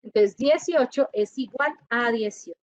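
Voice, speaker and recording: High-voiced woman lecturing a class. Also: a little slow, no echo, lo-fi sound. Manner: lively, checks often with students. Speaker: university lecturer.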